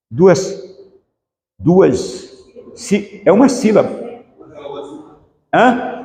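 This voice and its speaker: In a church, a male pastor preaches a sermon and poses rhetorical questions to the congregation. His voice sits high with vocal fry and a slightly mellow quality. The echoey hall gives the recording a long reverb.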